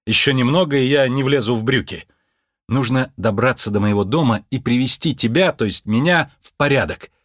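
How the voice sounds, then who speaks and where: A man's voice: mid-range voice, brisk, no echo, clean studio sound, natural voice. A man voicing an impatient, anxious male pianist in an audiobook, urgent and bossy. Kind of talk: audiobook character voice.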